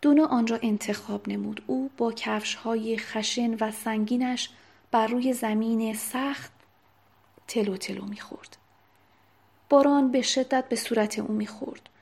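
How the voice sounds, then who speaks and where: A woman narrating a novel in a soft, unvoiced whisper with steady, even reading. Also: fairly high pitch, gravelly, slightly rough. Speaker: audiobook narrator. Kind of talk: whispered storytelling.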